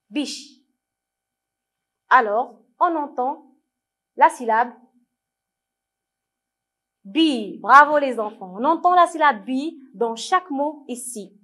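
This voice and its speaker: Moroccan lady teaching little kids, slow, sounds out each syllable, voice a bit high. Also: a bit bright. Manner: slow, clearly syllabled, repeating words for children to read along. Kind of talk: French lesson for young children.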